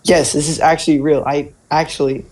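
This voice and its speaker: He speaks a little fast in a high-ish, slightly mellow voice with little pitch movement. The young man tells stories in a relaxed, informal way, peppering his talk with "like" and "right?"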